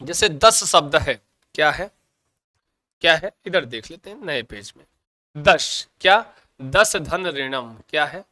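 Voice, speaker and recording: This man's slightly high, sharp voice has lively intonation and an unhurried pace with frequent pauses. He is giving a Sanskrit grammar lesson for exam coaching, answering his own questions, repeating answers heavily and calling students "bhaiya" and "ji."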